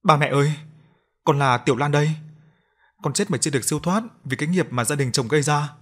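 A man's voice: a little high, quick pace, a bit bright. A man voicing the grieving female ghost of a murdered mother, who speaks through a girl in a sobbing, pleading tone. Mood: sobbing plea.

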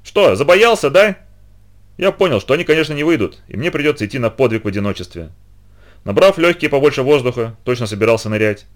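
A man's voice: mid-range voice, expressive, fast. A man reading a children's story aloud in the first person, with dramatic expression. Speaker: reader.

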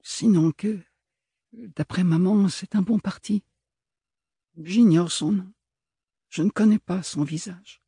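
A man playing a calm, reserved young woman from a storybook, speaking softly in a raised, gentle voice. The sound is husky and dry, close to the mic. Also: high voice, slow pace, long pauses, dry recording, voice pushed up, heavily acted. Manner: quiet, flat, composed.

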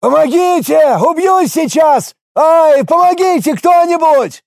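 A man reading an audiobook, voicing a man who fakes a shrill, frantic, panicking woman. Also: big pitch swings, a little slow, a little mellow, slightly rough, no room sound, clean studio sound, heavily acted. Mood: panicked shrieking. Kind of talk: audiobook character voice.

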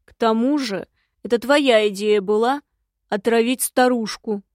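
A woman's voice: a little high, darkish tone, no echo, clean studio sound, close to an everyday voice. A woman voicing a cowardly, sly young husband who drags out his words in a sulky, mocking way. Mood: sulky, snide. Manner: drawn-out, sulky and mocking delivery. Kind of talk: audiobook dialogue.

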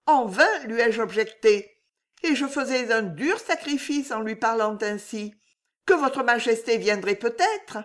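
A woman's voice: a little high, animated, measured pace, voice pushed up. A woman reading an audiobook, voicing a passionate, tearful young woman pleading with a king. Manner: pleading, emotional, breathy at times.

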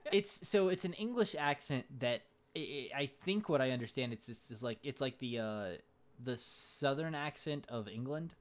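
A man of middle pitch chatting casually on a podcast. He hesitates often, circling back with ums and restarts. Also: expressive, moderate pace. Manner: hesitant, lots of fillers and restarts. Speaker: podcast co-host.

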